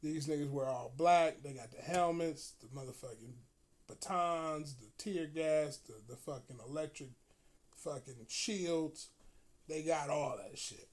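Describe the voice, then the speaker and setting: A man telling a profane story in a casual, animated way, often breaking into laughter. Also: fairly high pitch, a little slow.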